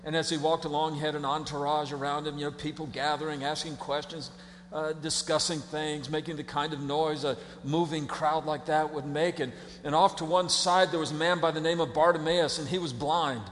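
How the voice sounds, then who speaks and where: Male pastor, sermon, high voice, dramatic swings from hush to shout, long hall reverb. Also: level tone, fairly quick.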